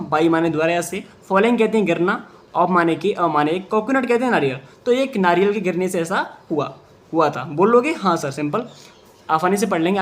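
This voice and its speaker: High-voiced man teaching English word by word. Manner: translates word by word, answers his own questions with "ok sir"; reads English sentences very slowly and deliberately. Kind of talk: Hindi-medium English reading lesson.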